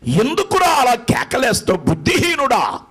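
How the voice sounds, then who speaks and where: A scornful village swimmer, mocking and bossy, barks orders at a drowning man, put on by a male preacher. The voice sits high and jumps sharply on the insults. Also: wildly swooping pitch, normal speed, fairly bright tone, breathy edge, heavily acted. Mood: scolding. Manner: mocking, scolding.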